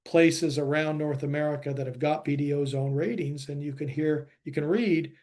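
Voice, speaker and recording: A man's voice: on the high side, steady tone, normal speed, a little mellow. A man giving a webinar presentation, talking with many fillers and restarts.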